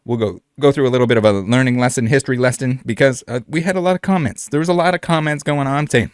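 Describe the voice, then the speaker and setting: A man's voice: medium pitch, quick pace, smooth, no room sound, studio quality. A man hosting a trading card video in casual commentary, rambling and repeating phrases, with many fillers. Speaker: trading card channel host.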